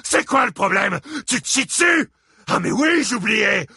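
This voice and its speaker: A rough, vengeful father who screams his accusations and insults. The voice climbs high and raw with a husky grain. It sits dry and close in an audiobook read. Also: very animated, a little slow, bright, forceful tone, no echo, exaggerated voice. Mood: raging shouts. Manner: bellowing threats and insults. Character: enraged grieving father, rough middle-aged man.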